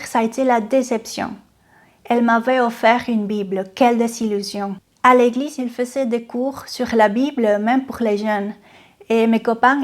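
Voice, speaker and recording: A slightly high, somewhat mellow female voice shares a personal testimony on camera. The speaker is from Venezuela and has a Venezuelan Spanish accent. She talks earnestly and without rushing, frequently hesitating and starting over, with faint music underneath.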